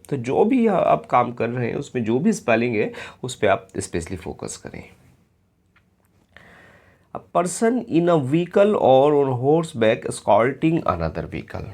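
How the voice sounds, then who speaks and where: An Indian man leads an exam-prep English lesson at an unhurried pace, spelling each word out one letter at a time. His voice has a gravelly edge, and his pitch rises and falls with lively emphasis. He keeps checking in with his students to make sure they are following. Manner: slow and patient, often checks in with "clear friends?". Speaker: English teacher.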